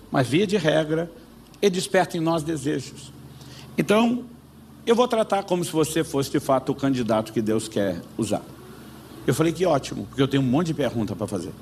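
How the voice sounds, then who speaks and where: A Brazilian pastor preaching in a lively storytelling way, acting out each side of a remembered conversation. His voice sits slightly high and has a gravelly edge. Faint background noise runs under the recording. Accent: Brazilian Portuguese. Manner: lively storyteller acting out both sides of a dialogue. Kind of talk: sermon storytelling.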